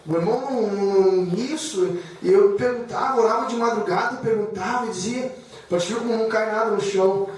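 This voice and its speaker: High-pitched guy preaching w/ emotional testimony, far off in a big echoey church. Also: fairly quick, a little hiss or hum. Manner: emotional, repetitive, addresses congregation as brothers. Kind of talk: sermon with personal testimony. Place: church hall.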